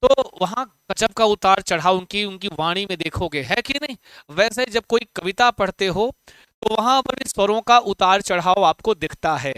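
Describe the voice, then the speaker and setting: Male Sanskrit tutor, smooth and clear, dry close-mic sound, coaxing with questions. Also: high-pitched, expressive, a bit bright, no room sound. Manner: coaxing, asks students questions; chants Sanskrit verse slowly. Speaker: Sanskrit teacher. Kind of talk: online exam-prep lesson.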